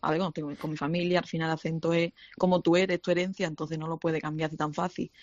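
A woman with an Andalusian accent, a Spanish teacher, explaining calmly in a radio panel talk. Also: low voice, quick pace, dry recording, lo-fi sound.

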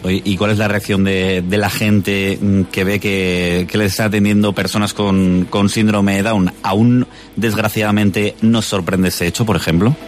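A man's voice: on the low side, flat delivery, moderate pace. A man hosting a radio news programme, presenting and interviewing.

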